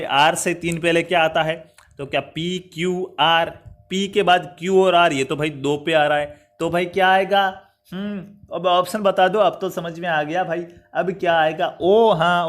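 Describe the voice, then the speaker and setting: A man's voice: on the high side, a bit bright. A man teaching reasoning for an entrance exam in an online class, chatty and coaxing, asking questions and answering them himself. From India. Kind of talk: lively classroom tutorial.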